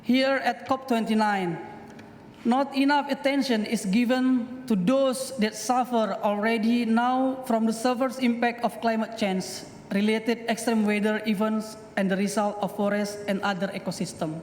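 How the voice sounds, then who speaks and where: A man from Indonesia, a campaigner giving a press conference statement in halting, phrasing. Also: high voice, steady tone. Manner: halting, non-native phrasing. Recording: echoey hall, faint noise.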